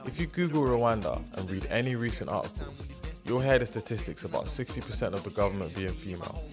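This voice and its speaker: Low-voiced male interviewer over music. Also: animated, fast. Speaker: interviewer and narrator. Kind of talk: documentary narration.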